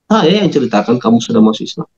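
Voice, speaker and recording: A man telling his conversion story in an interview, animated, acting out quoted dialogue in a raised voice. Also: mid-range voice, fast, husky, muffled recording. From Medan, North Sumatra.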